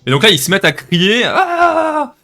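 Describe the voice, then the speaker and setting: A man narrating a tabletop role-playing game as game master, relaxed and hesitant, with many fillers. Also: high-pitched, quick pace, faint music behind.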